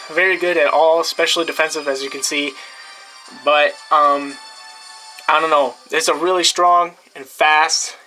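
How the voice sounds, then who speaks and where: A man's voice: fairly high pitch, pushed and bright, poor audio. A young man casually walking through his game team, rambling with many fillers and restarts. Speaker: gameplay video creator.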